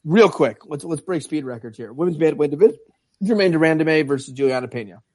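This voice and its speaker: A man co-hosting a casual sports podcast, steering the talk with halting restarts. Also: a little high, expressive, darkish tone, no echo. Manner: moves the talk along, hesitant restarts. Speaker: podcast co-host.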